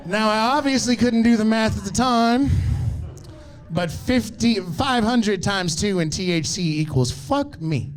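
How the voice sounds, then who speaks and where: A man, telling profane, animated stories in a stand-up set and teasing the crowd. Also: high voice, a little slow. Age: 30s. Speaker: stand-up comedian.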